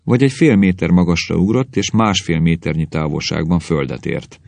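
A man reading a humorous story aloud in an audiobook narration, expressive and measured. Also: sits low, vocal fry, no echo.

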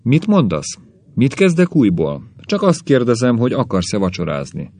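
A timid, worried wife, voiced by a male audiobook reader pleads in a raised but gravelly voice. She sounds anxious and careful with every word. The sound is close and dry. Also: on the low side, big pitch swings, a little mellow, no echo. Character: meek, worried middle-aged wife. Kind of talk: audiobook reading.

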